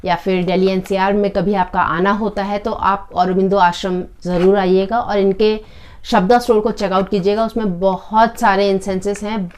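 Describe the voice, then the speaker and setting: A woman giving a casual product review with a live demo, in calm, unhurried descriptive talk with occasional fillers. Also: medium pitch.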